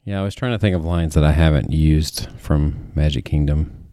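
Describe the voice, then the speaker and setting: A man with a low, deep voice co-hosts a casual podcast. He talks with a dry, playful wit. The recording is close and dry, with no room echo. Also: moderate pace, dark tone. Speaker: podcast co-host.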